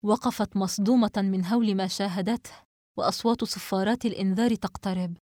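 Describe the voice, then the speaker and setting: A woman narrating a novel as an audiobook, in a steady, even storytelling manner. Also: mid-range voice, brisk, no room sound, clean studio sound.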